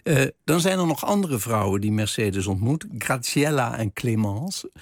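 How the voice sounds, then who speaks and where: A man's voice: mid-range voice, expressive, normal speed, no echo, studio quality. A man interviewing an author on the radio, asking conversational questions with plenty of fillers.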